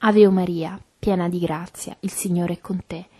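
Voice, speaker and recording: A woman leading a recited rosary prayer in a soft, even, devotional way. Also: lowish voice, normal speed, breathy edge. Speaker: prayer leader.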